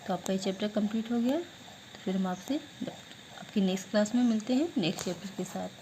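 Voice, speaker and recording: A woman's voice: medium pitch, warm tone, slight background noise, rough recording. Patient woman teaching a children's lesson. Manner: asks questions then answers them herself; drills words slowly, syllable by syllable. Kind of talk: online class lesson.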